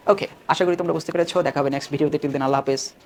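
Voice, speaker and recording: A man with a Bangladeshi accent teaching an online English pronunciation lesson. He repeats model words slowly and loudly so learners can copy them. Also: fairly high pitch, steady tone.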